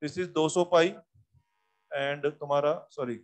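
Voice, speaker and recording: A man teaching physics in a lively classroom lecture, coaxing students with repeated questions and reminders. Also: a little high, takes it slowly.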